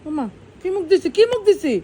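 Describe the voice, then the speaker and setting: Female, Bangladeshi accent, high voice. A mother in casual family chat, full of teasing mock dismay, with some background noise. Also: animated, fast talker, dark tone. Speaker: mother talking with her small child.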